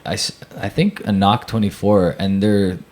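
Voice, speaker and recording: A man, speaking in a very deep, low register. He talks casually and bluntly, leaning hard on his opinions and stretching words for emphasis. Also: fairly even intonation, normal speed, a little mellow. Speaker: podcast co-host. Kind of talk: casual chat.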